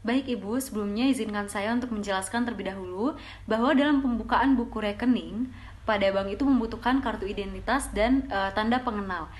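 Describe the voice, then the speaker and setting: A woman's voice: mid-range voice, brisk, natural voice. A woman playing a patient bank officer in a role-play, with a formal, apologetic customer service voice. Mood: courteous, explaining.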